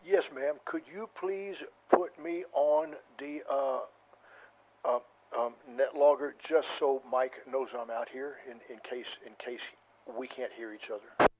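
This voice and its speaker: A man checking in as an amateur radio operator, polite and halting with repeated restarts, heard over a noisy, narrow ham radio transmission. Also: mid-range voice. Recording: hissy, tinny two-way radio signal.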